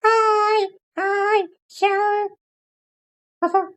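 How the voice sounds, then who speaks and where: A woman voicing a curious, cheeky little child puppet in a ventriloquist demonstration, with a small, high, childlike voice. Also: level tone, extremely slow, full character voice.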